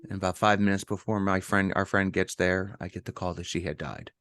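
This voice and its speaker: Low-voiced man telling a personal story. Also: fairly even intonation, fairly bright tone, no room sound. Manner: halting, with many ums and restarts. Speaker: podcast co-host.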